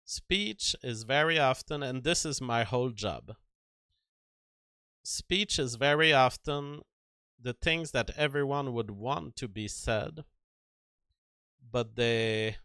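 A man hosting a solo livestream, giving opinionated commentary in a deliberate manner with rhetorical questions and repetition. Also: mid-range voice, pushed and bright, clear, resonant tone, no room sound, clean studio sound. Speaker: livestream host.

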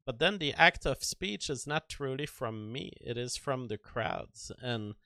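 A man hosting a solo livestream, giving opinionated commentary in a deliberate manner with rhetorical questions and repetition. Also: mid-range voice, lively intonation, bright, forceful tone, no room sound, studio quality. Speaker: livestream host.

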